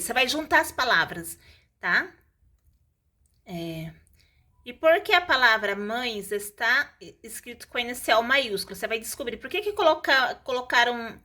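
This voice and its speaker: Woman teaching, slow example words. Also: a little high, pushed and bright. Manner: stretches out example words slowly, tag questions. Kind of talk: casual explanatory lesson.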